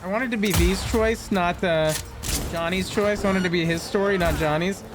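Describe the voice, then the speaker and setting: A man's voice: high-pitched, normal speed. A man doing casual, playful live gameplay commentary and chatting to his viewers as a streamer. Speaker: video game streamer. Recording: game noise and gunfire behind. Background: video game gunfire.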